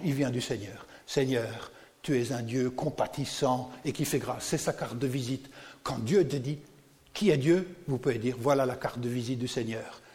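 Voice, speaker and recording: A man preaching a sermon to a congregation, animated and often putting questions to his listeners. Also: medium pitch, in a large hall. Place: church.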